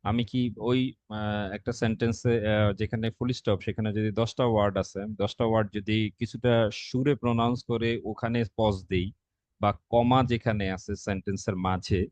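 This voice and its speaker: Man, student, low voice, halting with fillers, dull dry call audio. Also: steady tone, a little mellow, no room sound. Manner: hesitant, many fillers, searching for words. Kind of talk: asking questions in an online class.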